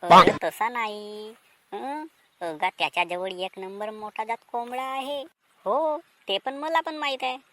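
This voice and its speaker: A woman voicing nervous male village thieves in a cartoon, plotting quietly in a Vidarbha Marathi accent. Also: on the high side, unhurried. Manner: conspiring, hushed plotting. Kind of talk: cartoon drama voice acting.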